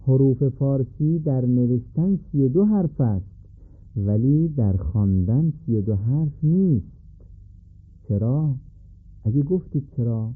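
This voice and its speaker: A man teaching a recorded lesson, speaking in a measured way and putting questions to his listeners. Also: on the high side, breathy edge. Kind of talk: recorded lesson on letter pronunciation. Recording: phone-like narrow band recording.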